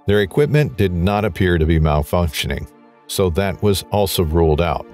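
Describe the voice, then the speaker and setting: A man reading a scripted documentary voice-over in an even, measured way. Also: deep voice. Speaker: documentary narrator.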